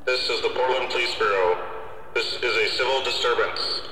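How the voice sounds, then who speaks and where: Male police officer, stern orders over a blaring loudspeaker, bright edge, long echo off far buildings. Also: mid-range voice, steady tone, moderate pace. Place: outdoors on a city street. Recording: distant loudspeaker echoing down a street.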